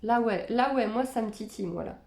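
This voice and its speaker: Woman vlogger, higher voice, casual musing reaction chat, roomy echo. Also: brisk, creaky, darkish tone. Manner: musing, chatty, reads captions aloud then comments. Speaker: spiritual content creator reacting to videos.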